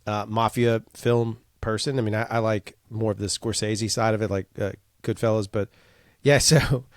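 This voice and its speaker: A man co-hosting a podcast in casual chat, halting and self-deprecating, often laughing. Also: on the low side, steady tone, no room sound, studio quality. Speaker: podcast co-host.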